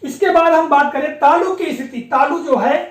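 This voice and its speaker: High-voiced woman teaching in an echoey room. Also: moderate pace. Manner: patient, explanatory, often repeats a confirming filler. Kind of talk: classroom-style lecture on pronunciation.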